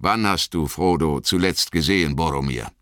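A man's voice: extremely low pitch, moderate pace, fairly bright tone, no room sound, studio quality, pitched above the performer's own voice. A man voicing a stern male leader who questions sharply and gives urgent orders.

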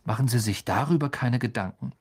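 A man's voice: mid-range voice, brisk, breathy edge, close to an everyday voice. Nervous young boy voiced by a man. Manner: hesitant and polite.

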